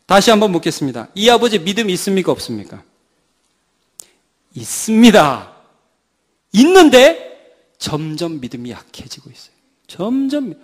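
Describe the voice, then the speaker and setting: Male pastor w a high voice, preaching hard at the church, keeps firing questions at the people. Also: big pitch swings, a little fast. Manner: emphatic preaching with rhetorical questions to the congregation. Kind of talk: Sunday morning sermon. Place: church sanctuary.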